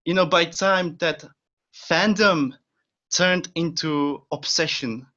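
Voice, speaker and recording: A young Czech man speaks English as a second language with a Czech accent, playing an eager podcast guest in a casual interview, with lots of fillers and short laughs. His voice is on the high side, bright and forceful, and he takes his time. The recording has a dull, lo-fi quality.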